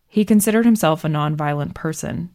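A woman narrating a true story in a measured, scripted delivery. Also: deep voice, darkish tone.

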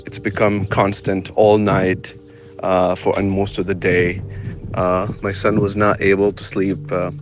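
A man who grew up in Saudi Arabia and Gaza, recording a voice memo in a subdued, halting way. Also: fairly low pitch. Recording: dull lo-fi voice memo with faint music.

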